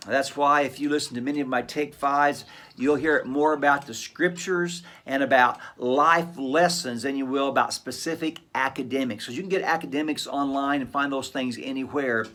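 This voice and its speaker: A man's voice: mid-range voice, fairly even intonation, normal speed, few pauses, sharp tone. A middle-aged man hosting a short devotional segment for homeschool families, speaking in an earnest, plainspoken way and telling personal stories. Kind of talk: conversational devotional talk.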